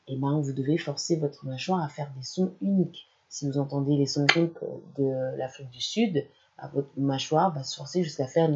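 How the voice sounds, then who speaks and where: Speaking straight to the listener, a language channel presenter gives an educational talk to camera, explaining things as they go. The voice is medium in pitch, the highs are cut off, and there's background noise.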